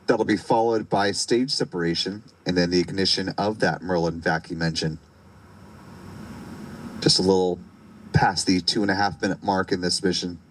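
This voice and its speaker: A man giving measured, explanatory live technical commentary as a webcast commentator. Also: deep voice, fairly even intonation, slight background noise, rough recording.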